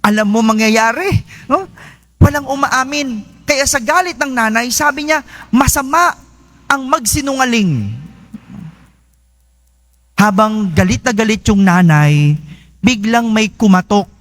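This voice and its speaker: A priest giving a conversational homily in a church, often asking his listeners "no?" and slowing down to stress key phrases. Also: high voice, a bit bright. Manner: conversational preaching with frequent "no?" tag questions.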